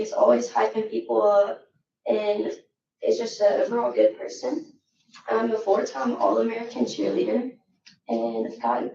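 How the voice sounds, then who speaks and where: A teenage girl, hoarse and nearly voiceless, speaking in a raspy whisper as she gives an informal prepared speech. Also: a little high, dark tone. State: hoarse, voice nearly gone from cheering. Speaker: student award recipient speaking. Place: echoey municipal meeting room. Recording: roomy, distant mic, muffled, faint noise.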